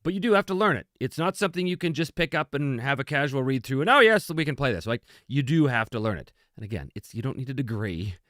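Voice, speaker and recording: This fast-talking man barely pauses, his mid-range voice animated as he hosts an easygoing tabletop gaming talk and responds to questions with emphatic, self-deprecating chatter. He's a host, game designer and game master, recorded dry with clean studio sound.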